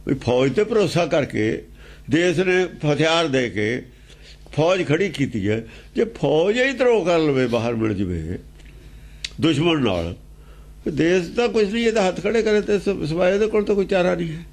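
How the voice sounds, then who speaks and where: A man's voice: a little high, big pitch swings, normal speed. Punjabi guy teaching scripture, voice swings up and down a lot, keeps repeating lines back. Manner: repeats key phrases, rhetorical questions. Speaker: religious teacher. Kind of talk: scripture exposition talk.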